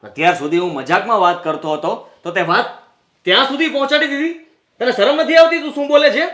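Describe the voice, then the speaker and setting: In a Gujarati short-film family drama, a man plays a defensive, quick-tempered husband in a row with his wife, keeping up his excuses and snapping at her. His natural, high voice talks fast and echoes as if in a roomy space. He sounds angry, pleading at first and then shouting in anger.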